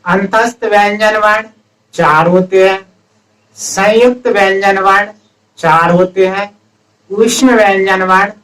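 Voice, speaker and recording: A man's voice: high voice, fairly bright tone, recorded from a distance, poor audio. A man teaching a grammar lesson step by step, asking his students questions and then answering them himself. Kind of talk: classroom-style lesson.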